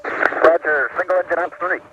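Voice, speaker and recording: A man's voice: a little high, fairly even intonation, normal speed, highs cut off. A crew member, a man, reading back calls in clipped phrases over a distant, crackly air-to-ground radio. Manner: clipped readbacks. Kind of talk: terse radio readbacks.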